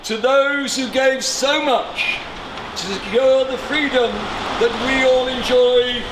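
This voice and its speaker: High-pitched older town crier, male. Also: fairly even intonation. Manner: declamatory, projecting in short measured phrases. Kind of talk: loud ceremonial proclamation, like a royal herald. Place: outdoors on steps in a stone doorway. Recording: roomy outdoor sound with loud background noise.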